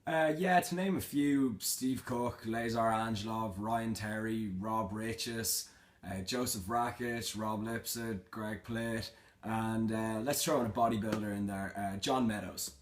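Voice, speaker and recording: A man's voice: fairly low pitch, fairly even intonation, measured pace. A young man in a casual Q&A vlog, reading out questions and answering them in an informal, matter-of-fact, slangy way. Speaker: fitness vlogger.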